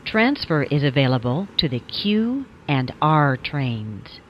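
A woman's voice: sits low, very animated, slow pace. A woman reading scripted train announcements, with words and phrases spliced together in a choppy way. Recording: muffled recording with faint background noise.

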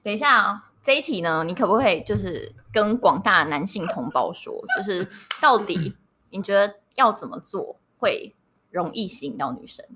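A woman hosting a podcast, interviewing casually in a teasing, animated way. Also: mid-range voice, normal speed, a little hiss or hum.

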